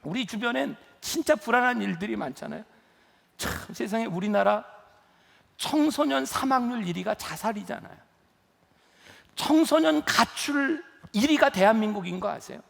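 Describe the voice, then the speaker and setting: A man's voice: very high voice, animated, moderate pace, vocal fry, a bit bright. A middle-aged man preaching a sermon as pastor, telling stories and rising to emphatic pleas. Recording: long reverb of a church hall.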